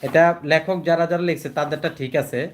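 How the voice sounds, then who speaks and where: A man speaking teaches a Quran reading class to adult students in a classroom. He explains patiently, repeats himself, checks that they follow, and draws out recited words slowly. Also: fairly high pitch, a little hiss or hum. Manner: patient, repetitive, checks understanding with questions; chants recited words slowly, drawing out syllables. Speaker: addressed as hujur by students.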